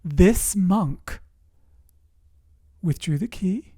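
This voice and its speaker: With a medium-pitched voice in studio-quality, echo-free audio, a middle-aged coach who hosts a show on emotional resilience shares personal stories to camera. The delivery is conversational yet deliberate and expressive, using dramatic pauses and repetition.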